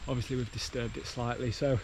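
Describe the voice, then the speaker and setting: A man's voice: medium pitch, steady tone, brisk, darkish tone, slight background noise. A man narrating a casual travel vlog, explaining his conservation work with a light, humorous touch. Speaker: vlogger and sloth conservation worker. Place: rainforest and countryside, partly outdoors.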